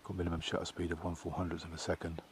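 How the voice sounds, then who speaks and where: Middle-aged English man, low and level delivery, casual outdoor vlog, arm's-length camera. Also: completely flat delivery, racing, a little hiss or hum. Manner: plain, chatty, matter-of-fact. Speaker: wildlife photographer. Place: outdoors in a field by trees.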